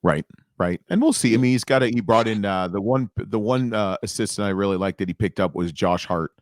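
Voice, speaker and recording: A man co-hosting a podcast in casual conversation, talking in a lively, rambling way and correcting himself mid-sentence. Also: on the low side, fairly quick, no echo, studio quality. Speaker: podcast co-host. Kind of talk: casual sports podcast chat.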